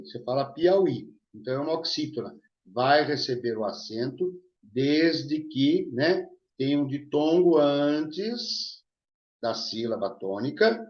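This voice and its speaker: A Brazilian-accented man explains grammar rules at an unhurried pace, often pausing to check that his students follow. His voice carries a roomy echo and comes through dull and lo-fi. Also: mid-range voice. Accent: Brazilian Portuguese. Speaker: Portuguese teacher. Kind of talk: recorded grammar lesson.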